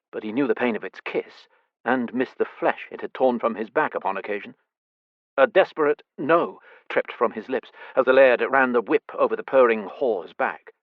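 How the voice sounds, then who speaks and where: A man reading a historical romance audiobook in a measured, expressive storytelling manner. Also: mid-range voice, no echo, narrow, tinny audio. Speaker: audiobook narrator. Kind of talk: scripted audiobook narration.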